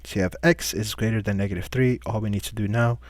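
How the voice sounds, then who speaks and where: Patient low-voiced man teaching math. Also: steady tone, fast talker, dry recording. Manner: patient, step-by-step questioning, asks and answers himself. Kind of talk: recorded math lesson walkthrough.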